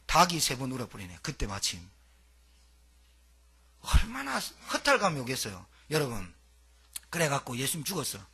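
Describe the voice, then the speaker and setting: A man's voice: sits high, sharp tone, breathy edge. A male pastor delivering a dramatic, colloquial sermon full of rhetorical questions.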